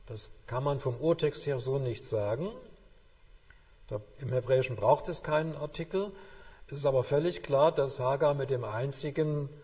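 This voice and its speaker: Male preacher, husky voice, mid pitch, emphatic sermon delivery with hushed phrase ends, long hall reverb. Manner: emphatic, slow weighty phrasing with hushed endings.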